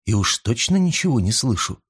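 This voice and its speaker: A man reading aloud and voicing a curious, doubtful young woman in a raised, slightly breathy tone. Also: mid-range voice, sing-song, brisk.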